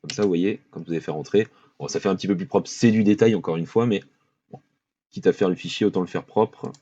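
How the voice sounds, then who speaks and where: A man narrates a spreadsheet tutorial in a fairly low voice. He talks in a loose, thinking-aloud way, with fillers and quick apologies as he clicks along. The recording is dull and lo-fi, with keyboard typing behind him. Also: warm tone, no room sound. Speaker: finance tutorial host.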